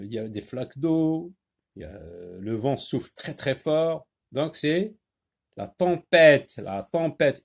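A man teaching a phonics lesson to young children, speaking slowly and deliberately and repeating each word to stress its sounds, recorded on a phone he holds in his hand. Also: mid-range voice, gravelly, darkish tone. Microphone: handheld phone.

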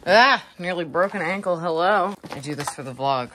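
A woman's voice: fairly low pitch, lively intonation, normal speed. A young woman, chatting to viewers in a casual, joking way as she wades through a flooded basement. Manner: chatty, joking, talks to viewers while wading through sludge. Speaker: urban explorer vlogger. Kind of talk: casual vlog narration while exploring. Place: flooded abandoned basement, indoors. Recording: noisy handheld camera audio.

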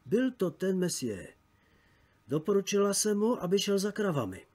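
A male audiobook narrator voicing an eager young peasant girl who chimes in quickly. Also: high-pitched, very animated, a little mellow, pitched above the performer's own voice.

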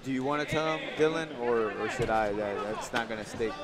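A man's voice: medium pitch, brisk, a loud crowd. A man giving casual live boxing commentary.

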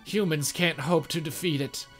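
A gentle, desperate princess from a video game, put on by a man. The voice is lifted in pitch and pleads earnestly and softly, with faint music behind. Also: normal speed, natural voice. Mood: pleading.

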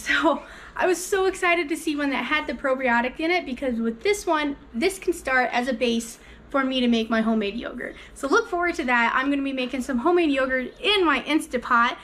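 Unpacking groceries in her kitchen at home, this upbeat thirtysomething mom and vlogger talks directly to her audience with real enthusiasm. She speaks fairly quickly in a high, fairly bright voice.

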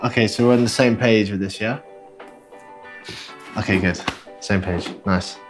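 A man's voice: on the low side, steady tone, measured pace, over music, lightly acted. An actor playing a playful young man with a London accent, bantering on a video date in a game. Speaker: dating-game character. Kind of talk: scripted video-date acting.

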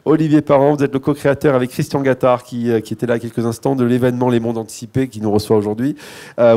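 A man's voice: medium pitch, warm tone. A man moderating a live panel discussion, introducing guests with frequent restarts, self-corrections and light joking asides.

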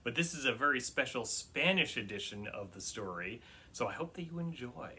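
A man reading a picture book aloud for children's storytime, often pausing to ask the listeners questions about words. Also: medium pitch, lively intonation, pushed and bright.

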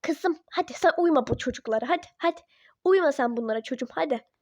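A woman doing a pushy coaxing mother, lower-pitched. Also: fast talker, darkish tone, no echo, lo-fi sound. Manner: coaxing, dismissive. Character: pushy middle-aged mother. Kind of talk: toy-app role-play drama.

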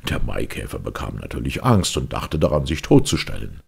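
A male audiobook narrator reads a fairy tale with grand theatrical flair, his extremely low, very husky voice rough with a gravelly creak. He delivers it in an animated, storybook style, moving a little fast.

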